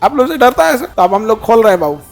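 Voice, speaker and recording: A middle-aged man with a Bihari Hindi accent, giving a lively, joking informal talk to an audience and often asking them questions. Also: extremely high pitch, fast talker, vocal fry, soft background music. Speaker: teacher and public speaker.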